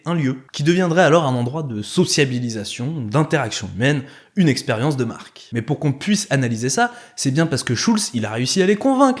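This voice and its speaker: A man narrating a scripted video essay as its host, with sarcastic, slangy asides. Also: a little high.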